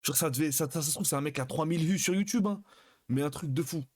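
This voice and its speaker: A young man telling a personal anecdote on a live stream in a casual, slangy, animated way, often calling his listeners brothers. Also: a little high, quick pace.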